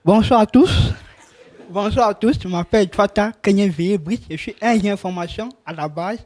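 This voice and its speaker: High-voiced man reciting an introduction. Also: normal speed, a little mellow. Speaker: workshop student. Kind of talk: practicing a self-introduction.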